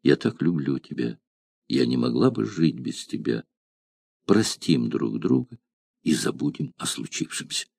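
A man's voice: lowish voice, very animated, unhurried, gravelly, dark tone, no room sound, studio quality, full character voice. A man voicing a cunning young courtesan who coaxes with feigned tenderness in an audiobook. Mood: coaxing.

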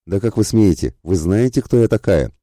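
A man voicing a proud, quick-tempered young woman in an audiobook, indignant, with a trembling voice. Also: sits low, mellow, dry recording, studio quality, close to an everyday voice.

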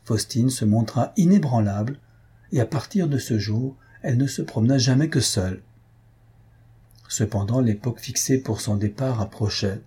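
Mellow, husky male audiobook narrator. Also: mid-range voice, normal speed. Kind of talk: scripted novel narration.

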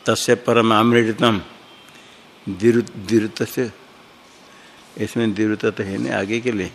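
A man works through a grammar text like a teacher in class. His voice sits low and his pace is very unhurried. He pauses, repeats terms and corrects himself as he thinks aloud. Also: fairly even intonation.

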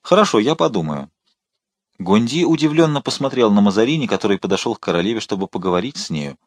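A male narrator reading a historical novel aloud with steady expression. His voice is on the low side. The recording is dry and close. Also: fast, no room sound. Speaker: audiobook narrator. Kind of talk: scripted narration.

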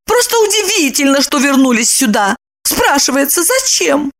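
A woman reading an audiobook voices an excitable, jealous woman who talks in high, shrill, accusing outbursts. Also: moderate pace. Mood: indignant shrill. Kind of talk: audiobook character voicing.

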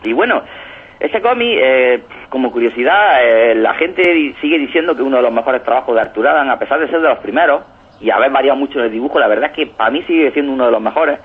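Husky-voiced male radio commentator, eager and digressive. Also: mid-range voice, animated, fast talker. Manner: enthusiastic, rambling, keeps tagging "¿no?". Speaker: comics reviewer on a radio show. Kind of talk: casual radio chat. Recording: tinny phone-like radio audio.

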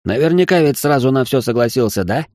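A man voicing a loud, excitable male partner who scolds and bosses in an audiobook reading. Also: mid-range voice, a little fast, dry recording, clean studio sound, pitched above the performer's own voice, natural voice. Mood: exasperated. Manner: shouting, exasperated scolding.

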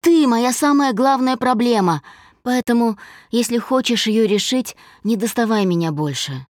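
A young woman snaps back with a tired edge, as a woman reads her aloud. She is hungover and out of patience, her replies sharp and short. Dry, close sound. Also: fairly high pitch, animated, moderate pace, no echo, close to an everyday voice. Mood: exasperated. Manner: sharp, exasperated.

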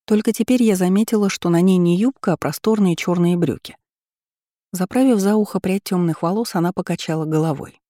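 Woman audiobook narrator, calm and even, mellow tone, dry close sound. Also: lowish voice, fairly quick, no room sound. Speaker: audiobook reader. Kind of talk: scripted first-person narration.

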